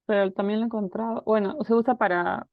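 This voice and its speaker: A woman's voice: mid-range voice, steady tone, fast, no room sound. A woman taking an English lesson, answering hesitantly with short replies and many hums. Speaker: student. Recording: tinny phone-like line.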